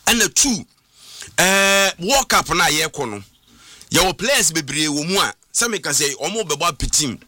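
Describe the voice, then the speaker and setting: A Ghanaian man talking football on the radio with a bright, forceful tone and a slightly raised pitch. He sounds emphatic and repeats his points as he mixes languages. The sound is dry and close. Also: sing-song, measured pace, no echo. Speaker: radio sports pundit. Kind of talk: casual sports talk.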